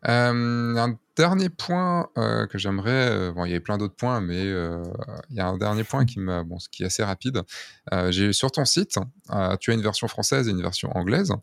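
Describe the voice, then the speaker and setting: A man's voice: on the low side, brisk, gravelly, dry recording. A man hosting a casual podcast interview, chatty and full of restarts. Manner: chatty, many restarts and fillers. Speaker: podcast host.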